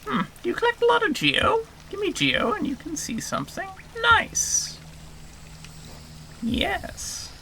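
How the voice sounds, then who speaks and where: A streamer voicing a greedy, suspicious bug creature that sniffs out visitors and haggles for currency in a high, wheedling voice. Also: huge pitch swings, unhurried, gravelly, sharp tone, slight background noise, heavily acted. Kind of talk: game streamer voicing a character.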